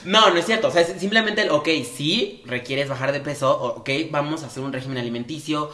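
A Mexican man co-hosting a podcast in casual chat, animated and freely swearing, acting out the voices in his stories. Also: on the high side, fairly quick, a crowd in the background. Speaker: podcast co-host.

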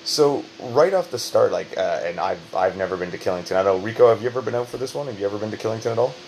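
A man's voice: on the low side, very fast, a little mellow, slight background noise, low-quality recording. A man with a Canadian accent hosting a podcast in a rambling, joking chat. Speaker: podcast host.

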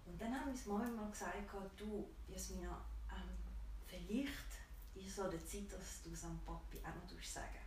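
A woman's voice: mid-range voice, moderate pace, darkish tone, a little hiss or hum. A woman with a Swiss German accent tells a personal story in conversation, acting out quoted dialogue and laughing often. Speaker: guest. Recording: echoey room, distant mic.

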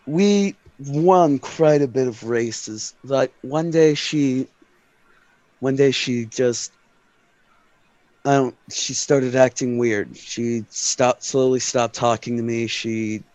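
A man voicing a young woman cart racer who recounts things in a plain, halting way. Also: mid-range voice, darkish tone, no room sound, natural voice, low-quality recording. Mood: troubled.

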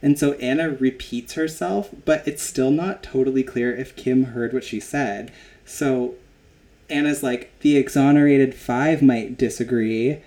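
A man's voice: mid-range voice, a little slow, a little mellow. A man hosting a casual podcast, recapping a scene and acting out the quotes. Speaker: podcast host.

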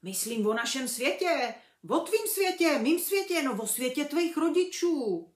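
Woman voicing a big gruff man, loud and folksy, raised pitch, echoey room. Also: animated. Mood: insistent. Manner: loud, folksy colloquial speech. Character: huge gruff male gamekeeper, blunt.

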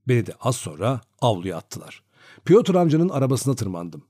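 A man's voice: medium pitch, normal speed, slightly rough, no room sound, studio quality. A man narrating a classic novel as an audiobook, reading expressively. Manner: expressive storytelling.

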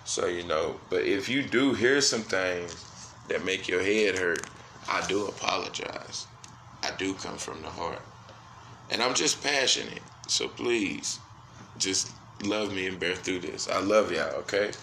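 A man hosting a solo sports podcast, cursing freely and swinging between loud outbursts and quiet, low asides. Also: expressive, measured pace, creaky, roomy sound, a little hiss or hum. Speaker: podcast host.

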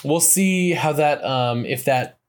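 A man co-hosting a film podcast in casual chat, brisk and dry as he steers the show toward its close. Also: fairly high pitch. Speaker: podcast co-host.

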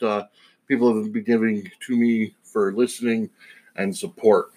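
A man hosting a podcast alone, giving a casual opinion monologue in a rambling, digressive way. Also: medium pitch. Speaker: podcast host.

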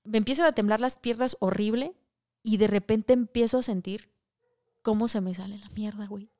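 A young woman with a Mexican accent, a podcast co-host telling a personal story in casual chat, full of crude slang and animated retellings. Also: mid-range voice, moderate pace.

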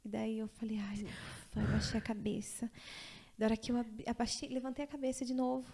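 A woman in her thirties with a gravelly, mellow voice tells a personal story in a casual, lively way. She often acts out what other people said, switching into their voices as she goes. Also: fairly high pitch, brisk. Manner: animated storyteller, acting out quoted voices. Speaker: guest.

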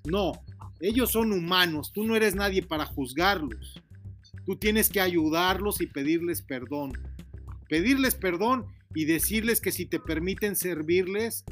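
Earnest high-voiced man lecturing his daughter. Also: a bit bright. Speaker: father giving advice. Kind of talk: casual heart-to-heart talk.

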